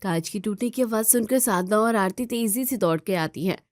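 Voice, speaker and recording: A woman narrating a scripted family story in an even, measured way. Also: mid-range voice, dry recording, clean studio sound.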